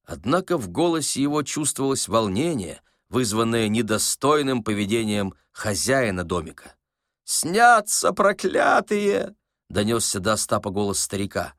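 A man narrating a literary story in a lively, expressive way. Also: on the low side, moderate pace, no room sound, clean studio sound. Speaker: audiobook narrator.

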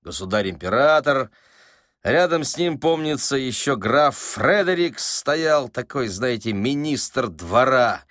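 A man's voice: medium pitch, animated, slow pace, fairly bright tone, dry recording, clean studio sound. A man voicing a genial, self-assured con man who talks easily with a light mocking edge. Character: smooth confident male con man, genial and playful. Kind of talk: audiobook character voice.

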